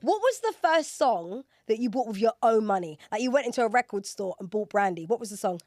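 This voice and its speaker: Woman host, playful, teasing interviewer, slightly high voice, dry mic. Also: expressive, fairly quick, a little mellow, no echo. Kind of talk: casual interview.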